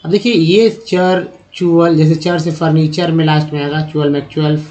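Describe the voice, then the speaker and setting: A man teaching English reading and pronunciation in a spoken lesson, slowly spelling out words letter by letter and repeating them. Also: a little high, steady tone, a little mellow, low-quality recording. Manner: slow, repetitive, spells out letters one by one.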